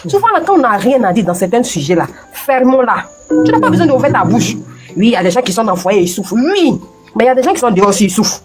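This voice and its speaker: A woman speaking on a live stream with a lively, swooping voice. She presses her point in emphatic, repeated phrases and keeps up a fast pace. Faint music plays behind her. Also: on the high side.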